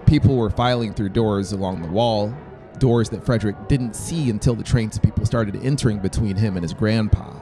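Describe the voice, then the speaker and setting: Here the man in his thirties reads scripted audiobook fiction fairly quickly, with few pauses, his voice on the low side. He's close on a dynamic mic on a boom stand inside a small brick-walled room, with faint music behind him.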